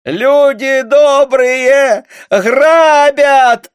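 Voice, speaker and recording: Shrill wailing peasant wife. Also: female voice, extremely slow, no echo, studio quality. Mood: alarmed wailing. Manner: shrill, wailing, rustic speech. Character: desperate peasant farm wife, pleading and wailing.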